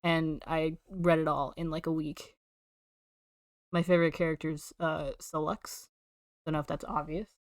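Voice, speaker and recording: Low-voiced young woman streamer. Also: little pitch movement, a little slow, long pauses, dry recording, studio quality. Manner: casual, swears a lot, chats with viewers. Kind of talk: casual live-stream chat while drawing. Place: home room. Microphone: desk microphone.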